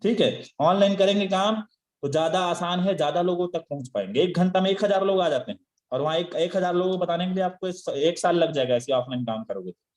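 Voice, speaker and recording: A man's voice: high-pitched, a little fast, a little mellow. A man giving a motivational training talk to sales recruits, firing off rhetorical questions and scolding his listeners, with chuckling asides. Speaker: network marketing trainer. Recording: echoey room.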